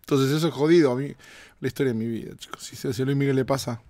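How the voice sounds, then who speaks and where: Hoarse Argentine male podcast host, mid-pitched, rambling comic monologue in a hotel room. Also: steady tone, fast talker, mellow, no echo. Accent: Argentine Spanish. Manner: playful, rambling, addresses listeners directly. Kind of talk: casual comedic monologue.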